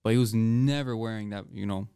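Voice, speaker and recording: A man's voice: fairly low pitch, a little fast, creaky, warm tone, smooth, no echo. A teenage boy with an American accent hosting a student podcast, rambling casually with many fillers and restarts. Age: teens. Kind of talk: casual chat.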